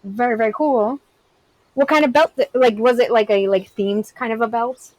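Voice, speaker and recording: A game streamer in her thirties chats casually and answers her live chat, rambling candidly and saying "like" constantly. Her voice is fairly high and moves at a normal speed. The recording has no echo but is rough.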